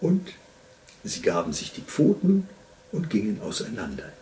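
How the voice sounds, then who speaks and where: A man reading a children's story aloud in an expressive, unhurried storytelling voice. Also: fairly low pitch, distant mic, a little hiss or hum.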